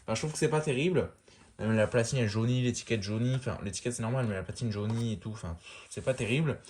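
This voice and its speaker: A man giving a casual show-and-tell of a lamp, talking in a relaxed, rambling way full of fillers and restarts. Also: mid-range voice, fast, a little hiss or hum. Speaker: lamp collector showing a fixture.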